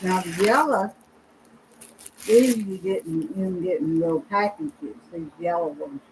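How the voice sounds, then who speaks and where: Southern woman, relaxed drawn-out chat at a quilting day, soft background hum. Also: on the low side, rough recording. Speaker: guest quilter. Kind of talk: casual chat.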